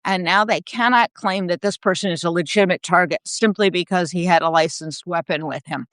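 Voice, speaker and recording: A woman hosting an interview, firm and measured in her questions. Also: on the low side, fairly bright tone, dry recording. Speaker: host.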